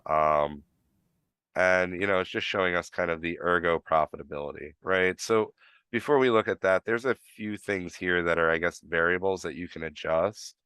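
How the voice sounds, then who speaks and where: A man with a New York accent, slightly tinged with Florida, walks through the details in a loose, rambling way, full of "you know" and restarts. His voice sits very low and sounds smooth and resonant. The sound is dry and close. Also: moderate pace, sharp tone, dry recording. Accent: New York, with some Florida. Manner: rambling, lots of fillers and restarts. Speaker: live stream host. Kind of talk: casual explanatory chat.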